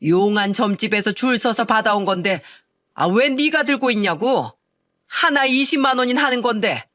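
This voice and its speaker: A woman's voice: a little high, animated, moderate pace, a bit bright, no echo, clean studio sound. A woman voicing a superstitious older mother-in-law in a spoken story, scolding and whiny.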